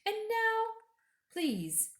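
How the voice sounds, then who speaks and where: A woman voicing an imperious, falsely sweet witch queen from a storybook, with a grand, coaxing, drawn-out delivery. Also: extremely high pitch, wildly swooping pitch, a bit bright, pitched above the performer's own voice, exaggerated voice. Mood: coaxing, sly. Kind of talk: storybook character reading. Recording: echoey room.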